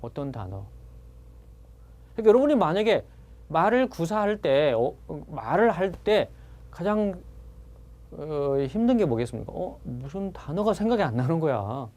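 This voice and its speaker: A man's voice: on the high side, sing-song, moderate pace, darkish tone. A man teaching an exam-prep vocabulary lecture who keeps asking his students questions and repeats each key word.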